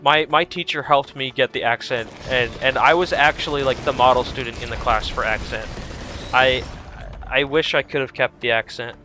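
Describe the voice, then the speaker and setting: A man's voice: mid-range voice, fairly even intonation, moderate pace, pushed and bright, faint music behind. A young man streaming a video game, chatting in a rambling, easygoing way with lots of restarts. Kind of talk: casual chat while streaming a game.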